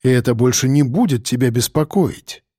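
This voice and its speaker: Man reading as a patient fatherly priest, slow gentle instructive speech, dry close sound, storybook. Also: medium pitch, big pitch swings, dry recording. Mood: calm, fatherly. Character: middle-aged priest, calm, patient, fatherly.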